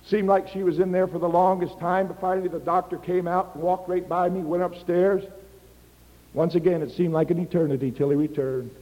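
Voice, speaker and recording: A man's voice: high voice, fairly even intonation, a little fast, long reverb tail, highs cut off. An older man, a missionary preacher, telling stories in a sermon and acting out the dialogue with animation. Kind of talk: sermon with personal storytelling.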